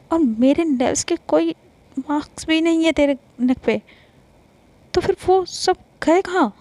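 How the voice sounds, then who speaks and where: A proud young woman who talks in an indignant, bossy way, as a woman storyteller puts her on. Her voice sits a little high and has a gravelly, creaky edge. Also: dark tone, dry recording. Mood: baffled.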